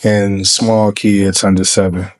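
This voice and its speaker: A man's voice: on the low side, level tone, slow. A man in his fifties, a dating show contestant, giving blunt, joking short answers. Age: 50s. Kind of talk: casual chat.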